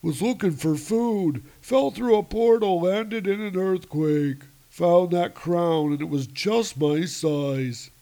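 Man voicing a huge frost giant, menacing bully, strained high delivery, odd timbre. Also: takes it slowly, hardly any pauses, dark tone. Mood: sheepish. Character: hulking male frost giant, menacing then dazed.

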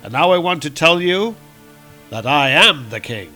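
A man's voice: a little high, animated, measured pace, bright, forceful tone, faint music behind. A man voicing a grateful, earnest king who speaks formally. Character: grateful middle-aged male king, earnest.

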